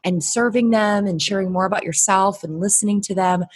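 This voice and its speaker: A woman's voice: mid-range voice, a little fast, husky. A woman from Connecticut, a guest on a casual podcast, confident and matter-of-fact with dry humor.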